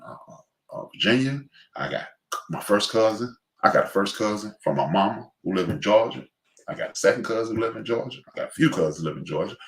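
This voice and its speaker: A man from Chicago's West Side, with a Chicago accent and a lowish voice, hosts a casual livestream monologue. He's rambling and preachy, full of fillers and restarts, giving shout-outs to friends. The recording is low quality and roomy.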